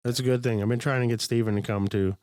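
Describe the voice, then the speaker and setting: A man's voice: mid-range voice, steady tone, fast, a little mellow, smooth, no echo, studio quality. A man hosting a casual podcast chat, easygoing, often laughing and humming along. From Pittsburgh area, US. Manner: easygoing, laughs often, many listening hums. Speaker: podcast host.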